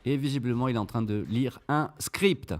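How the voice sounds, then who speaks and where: A man's voice: mid-range voice, normal speed, faint music behind. A man hosting his channel, giving mocking, sarcastic screen-share commentary, swearing casually as he talks viewers through the material. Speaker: channel host reviewing an investment scheme.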